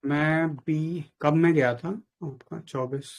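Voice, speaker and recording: A man's voice: fairly high pitch, steady tone, takes it slowly. A man talking as a trading mentor with a caller, casual and blunt, dropping in phrases. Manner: blunt, advising, mixes in English phrases. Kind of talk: casual live chat with a caller.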